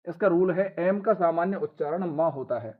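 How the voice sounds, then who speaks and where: A man's voice: fairly high pitch, animated, moderate pace. A man teaching English pronunciation in Hindi, step by step, spelling out letters and repeating each rule for his viewers. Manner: addresses viewers as "guys". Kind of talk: Hindi classroom-style lesson. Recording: tinny phone-like sound.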